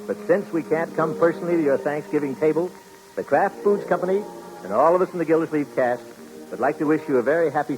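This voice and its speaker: A man reads out the announcements of an old radio show in a formal 1940s broadcast manner. His voice sits high and moves around a lot. Faint music plays softly under the vintage broadcast sound. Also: poor audio.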